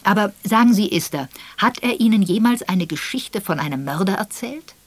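A woman voicing a blunt, frank old rich man who talks loudly and gruffly and gives orders. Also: medium pitch, animated, normal speed, no room sound, pitched above the performer's own voice. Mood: blunt, commanding.

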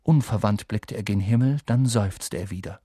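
A man narrates an audiobook in a calm, measured storytelling voice. His tone has a slight husk, and the recording is dry and close. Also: fairly low pitch, husky, dry recording. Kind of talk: scripted narration.

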